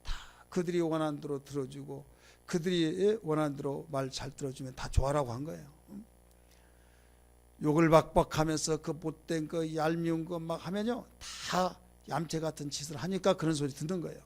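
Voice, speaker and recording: A man preaching a Bible lecture to a congregation. He leads call-and-response, has them repeat phrases, and swings from loud emphasis to quiet asides. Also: fairly high pitch, steady tone, normal speed, creaky. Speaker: pastor. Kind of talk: sermon lecture.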